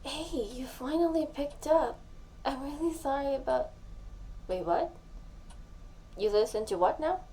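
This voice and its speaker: A woman with a high-pitched voice acts out a tipsy, lovesick young woman confessing to her best friend in an intimate audio roleplay. She comes across as flustered and defensive, speaking softly and breathily, haltingly, often close to a whisper, over faint background noise.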